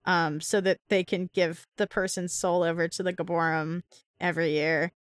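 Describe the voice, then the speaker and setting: A woman's voice: lowish voice, normal speed, smooth, no echo, clean studio sound. A woman co-hosting a podcast, animatedly retelling a comic story in casual chat. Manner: animated, dramatic retelling with voiced asides. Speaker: podcast co-host.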